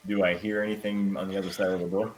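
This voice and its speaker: A man with a fairly low voice playing in a tabletop game. He talks casually, asking many questions of the game master. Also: flat delivery, fast talker, poor audio. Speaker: player.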